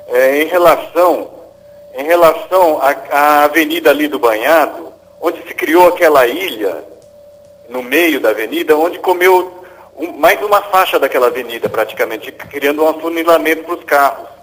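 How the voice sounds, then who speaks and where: A Brazilian man phones in to a radio talk show, his voice coming through the line on air. He sits a little high in pitch and speaks hesitantly, restarting phrases and tagging them as he goes. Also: fairly bright tone. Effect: caller heard over a phone line on air.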